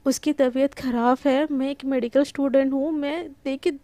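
A hoarse woman voicing an outspoken, exasperated young wife who is a medical student. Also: sits high, fairly even intonation, moderate pace, warm tone, no room sound, natural voice. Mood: insistent.

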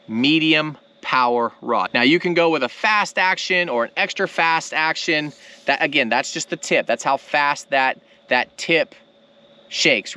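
Out on a lake at sunset, a thirties-aged fishing channel host talks the camera through his gear, which is recording at close range. He has a fairly high pitch and an energetic, plain-spoken style, sprinkling in lots of "right?" and "okay?"

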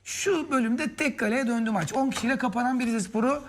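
A man's voice: very high voice, quick pace, slight background noise. An impassioned man in live football co-commentary. He openly backs his team, following each pass and urging players on in short, repeated bursts.

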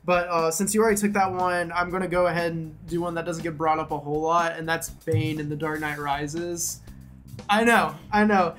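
A man's voice: on the high side, flat delivery, a little fast, hardly any pauses, a bit bright, faint music behind. A man hosting a casual round-table chat, talking loosely with lots of fillers. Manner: chatty, lots of "like" and "you know".

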